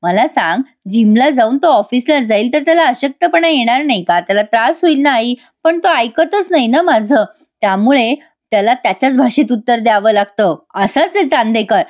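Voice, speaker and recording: A headstrong young wife, as a woman puts her on, teasing her husband and refusing to give way in a TV serial recap. She talks with playful insistence. The voice is fairly high. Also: animated, moderate pace, natural voice.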